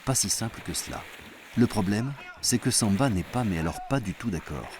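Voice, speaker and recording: A man's voice: lowish voice, expressive, normal speed, noisy background. A man narrating a wildlife documentary from a script.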